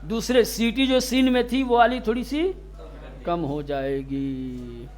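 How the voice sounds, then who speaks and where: A man's voice: sits high, lively intonation, darkish tone. A man teaching Quran letter pronunciation to a class, stretching out sounds to demonstrate them and sternly scolding students who drift off.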